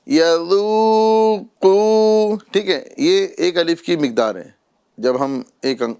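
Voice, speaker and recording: A man with a Pakistani Urdu accent teaching Quran recitation, drawing out each word slowly and repeating syllables, then explaining in quick asides. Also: a little high. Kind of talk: step-by-step recitation lesson.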